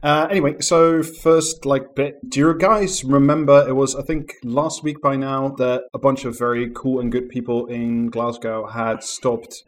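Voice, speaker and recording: A man hosting a podcast in casual chat. He speaks with careful, clear diction and laughs easily. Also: medium pitch, fairly even intonation, measured pace, hardly any pauses. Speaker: podcast host.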